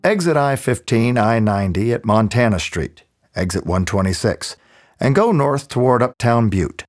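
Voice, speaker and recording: A man narrating a scripted audio tour in the smooth, measured, clearly articulated manner of a museum guide. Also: mid-range voice, animated. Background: background music.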